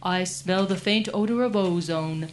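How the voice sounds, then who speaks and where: A woman's voice: fairly low pitch, unhurried, a little hiss or hum, lightly acted. A woman playing a haughty, solemn huntress goddess in a cartoon, speaking in a formal, archaic manner. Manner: formal, archaic, speaks of herself in third person.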